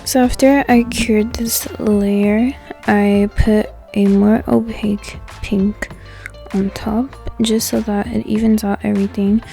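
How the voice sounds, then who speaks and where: A young woman talks through a casual tutorial with a soft, mellow tone and a touch of gravel. Her mouth sounds swollen, so words come out a little impeded, and she is chatty and informal. Music plays behind her voice. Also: medium pitch, steady tone, takes it slowly. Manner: informal, chatty, filler-heavy with "like". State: swollen mouth after tooth surgery, speech slightly impeded. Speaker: nail technician giving a tutorial. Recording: voice-over with music bed. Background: background music.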